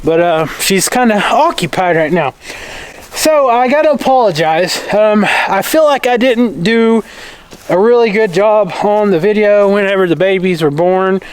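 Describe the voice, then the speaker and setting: A man with a Southern US accent and a noticeably high-pitched voice talks in a folksy, plain-spoken way. He chats casually as a farm vlogger. The recording is made outdoors, with faint noise behind him. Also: expressive, measured pace. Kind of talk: casual vlog chat.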